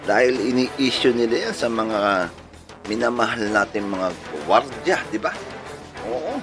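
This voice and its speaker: Music runs behind this radio-style channel host, a Filipino-accented man spinning a funny story. He speaks a little slowly in a mid-range voice, chuckling playfully and tossing out rhetorical questions.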